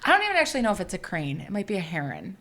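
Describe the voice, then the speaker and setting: A woman with a Michigan accent co-hosts a casual podcast chat, talking in quick asides and poking fun at herself. She sounds like she is in her thirties, with a pitch in the middle range. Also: huge pitch swings, a bit bright. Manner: chatty, self-critical, quick asides. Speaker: podcast co-host.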